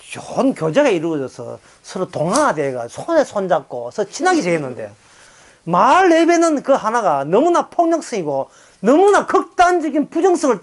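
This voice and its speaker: A male pastor with a Gyeongsang Korean accent giving an animated Bible lecture, acting out quoted voices and chuckling. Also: sits high.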